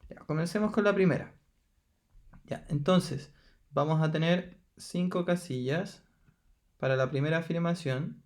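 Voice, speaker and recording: A Chilean man giving a recorded math lesson, his voice a touch high and gravelly. He works through each step slowly and patiently, counting out loud and checking that his students follow. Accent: Chilean Spanish. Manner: patient, steps through counting aloud with frequent "ya". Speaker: math teacher. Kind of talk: recorded lesson explaining exercises.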